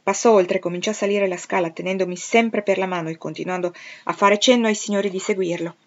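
A woman reading a novel aloud in a steady, expressive narrating voice. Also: mid-range voice, fast talker. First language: Italian. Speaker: audiobook reader. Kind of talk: literary reading. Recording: dull lo-fi recording.

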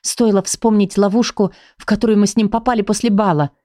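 A woman's voice: medium pitch, fairly quick, no echo, clean studio sound. A woman reading a first-person fantasy audiobook expressively, voicing every character. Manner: expressive, voices many characters. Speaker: audiobook narrator.

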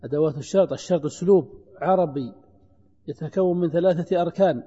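A grammar teacher, a man, works through examples slowly, repeats himself and asks his students questions. His voice is high but mellow in tone. The dull, lo-fi recording carries a long hall reverb. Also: breathy edge. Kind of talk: classroom lesson.

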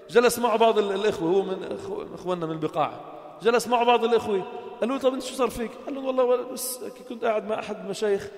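A man preaching to a gathering. He tells stories with acted-out dialogue and builds to emphatic appeals. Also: high-pitched. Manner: storytelling, acts out quoted dialogue, builds to emphatic exhortation. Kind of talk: informal sermon to a gathering. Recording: echoey hall.

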